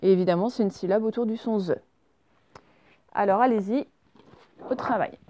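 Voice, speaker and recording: A woman gives a reading lesson to young children, saying words slowly and clearly and spelling out sounds. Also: medium pitch, mellow, a little hiss or hum. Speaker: teacher.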